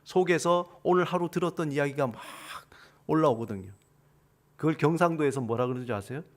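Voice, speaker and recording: A man's voice: on the high side, fairly quick. A middle-aged man preaching a sermon as a pastor. He speaks straight to his congregation with questions and acts out the voices of others in quoted lines.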